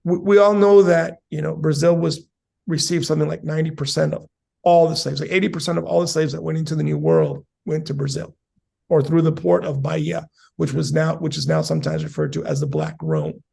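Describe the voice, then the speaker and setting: Gravelly man with a measured academic manner. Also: on the high side, mellow. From South San Diego, USA. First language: Spanish and English. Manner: measured, academic, with many fillers. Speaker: capoeira master, guest. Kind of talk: casual interview answers.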